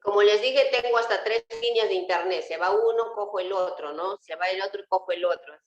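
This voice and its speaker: A woman's voice: mid-range voice, fairly quick, highs cut off. A woman teacher giving an online class. She talks patiently and often puts rhetorical questions to her students. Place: home, on a video call. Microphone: computer mic on a video call. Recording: roomy video call audio.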